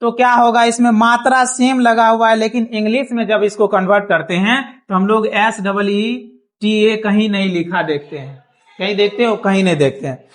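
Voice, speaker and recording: A man's voice: high voice, fairly even intonation, moderate pace. Man teaching a class, patient and repetitive. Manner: patient, repeats checks like "thik hai?". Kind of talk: classroom lesson. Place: small classroom.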